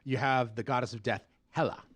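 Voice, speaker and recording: A man on a casual podcast panel, measured and nerdy. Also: medium pitch, fairly even intonation, a bit bright, dry recording.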